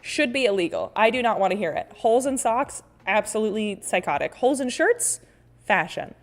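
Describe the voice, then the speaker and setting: This livestream host and artist is a woman with a mid-range, very animated voice, speaking a little fast. She chats casually and playfully with viewers, exclamatory and rambling, often breaking off mid-thought as she reads and responds to comments.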